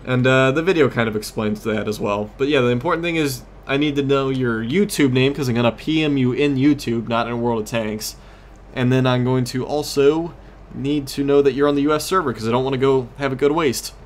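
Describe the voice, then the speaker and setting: A man hosting a gaming series gives casual, rambling commentary on his gameplay, often losing his train of thought. His mid-range voice moves fairly quickly, with slight background noise.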